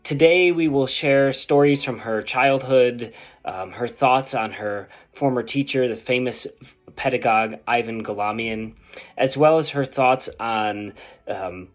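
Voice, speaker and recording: Man introducing a festival program over soft music. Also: medium pitch. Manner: friendly, measured presentation with a few ums. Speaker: festival host. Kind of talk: scripted introduction.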